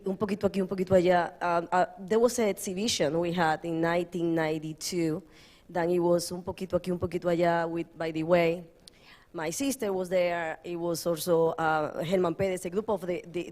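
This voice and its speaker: A woman from the Dominican Republic speaking as an artist on a panel, halting and searching for words, with Spanish phrases mixed in. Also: on the low side, a little mellow. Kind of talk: panel talk.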